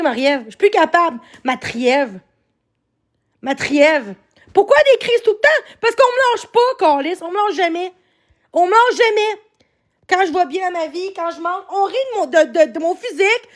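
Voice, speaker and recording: A woman with a Québécois accent, streaming live on her phone and angrily ranting at her chat, swearing and shouting. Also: high voice. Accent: Québécois French. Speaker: livestreamer. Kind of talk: angry livestream rant.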